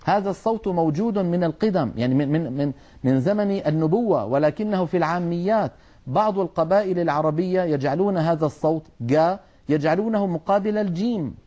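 Earnest man teaching recitation, slightly high. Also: warm tone, highs cut off. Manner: earnest, scolding at times; demonstrates sounds slowly and drawn out. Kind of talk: tajweed lesson.

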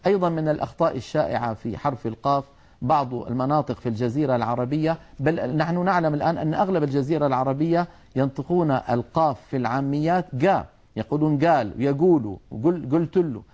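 A man teaching Quran recitation, explaining letter sounds earnestly and sometimes scolding, drawing out his demonstrations slowly. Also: fairly high pitch, darkish tone, muffled recording. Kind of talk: tajweed lesson.

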